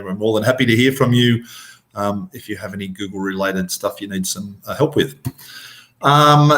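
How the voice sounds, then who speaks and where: A man's voice: mid-range voice, a bit bright. Middle-aged Australian man presenting a webinar. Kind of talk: informal presentation. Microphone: video call.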